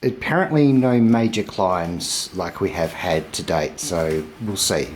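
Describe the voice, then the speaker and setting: A man's voice: sits low, unhurried, slight background noise. A man, joking and asking questions while hiking outdoors, filmed on a handheld camera. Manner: joking, playful, interviewing his partner. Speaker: travel vlogger. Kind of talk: casual vlog chat. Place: outdoors on a mountain hiking trail. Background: background music.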